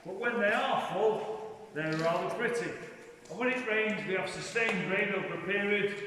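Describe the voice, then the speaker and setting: A man guiding a group through a cave, explaining features with deliberate pauses in an echoing tour-guide delivery. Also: high-pitched, background noise. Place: inside a large show cave. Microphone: camera among the visitors, away from guide. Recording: echoey cave, distant mic, group chatter.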